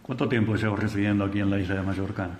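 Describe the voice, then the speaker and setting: A man's voice: lowish voice, steady tone, racing, darkish tone. A Uruguayan man interviewing for radio, asking brief, direct questions. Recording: echoey room with long reverb.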